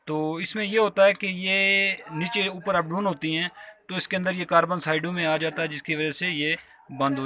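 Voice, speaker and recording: Holding his phone as he works, a man from Azad Kashmir with a Pakistani accent walks through a repair step by step in an informal, polite, repetitive tutorial. His slightly high voice sounds bright and forceful. There is a little hiss or hum.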